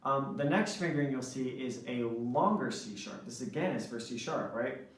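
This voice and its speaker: A man's voice: medium pitch, expressive, moderate pace, a little hiss or hum. A man teaching a saxophone lesson, explaining step by step and often checking in with "right?". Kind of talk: instructional lesson. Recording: echoey room, mic at a distance.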